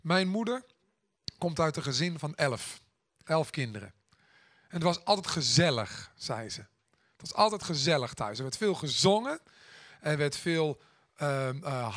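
A man giving a reflective storytelling talk, hesitant and thoughtful, with many pauses and restarts. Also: on the high side, fairly bright tone, no echo, studio quality. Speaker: speaker.

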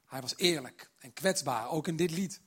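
Guy giving a sermon in a church hall, fairly high husky voice, talks straight to the crowd. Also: normal speed. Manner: warm direct address to the congregation, storytelling. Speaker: preacher.

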